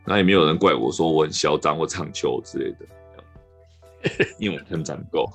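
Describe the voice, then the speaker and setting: A man with a Taiwanese Mandarin accent hosting a podcast, telling a rambling, animated story in casual chat. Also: very deep voice, moderate pace, vocal fry, faint music behind. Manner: rambling, animated anecdote with restarts. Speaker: podcast host.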